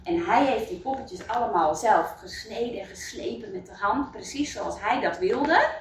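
A woman reading a children's story aloud, in an expressive storybook manner. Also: mid-range voice, normal speed, slight background noise. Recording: roomy, distant mic.

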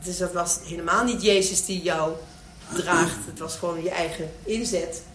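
A woman's voice: on the low side, moderate pace, recorded from a distance. Lady telling faith stories, does voices for everyone, roomy echo, sits back from the mic. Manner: animated storytelling, acting out the people in her stories. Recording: echoey room, speaker away from mic, faint noise.

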